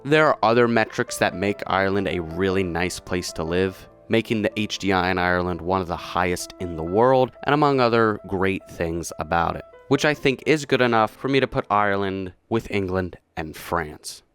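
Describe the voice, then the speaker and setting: Young guy, kinda low voice, jokey casual vlog chat, faint guitar music behind. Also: normal speed, hardly any pauses. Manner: chatty, jokey, trails off quietly at phrase ends. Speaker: YouTuber ranking countries.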